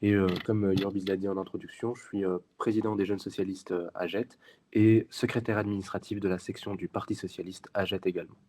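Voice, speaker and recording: Young man, 21, Belgian French accent, low-ish pitch, mellow tone, earnest explaining, hesitant restarts. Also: level tone, fast. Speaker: guest, youth party section president. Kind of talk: interview answers.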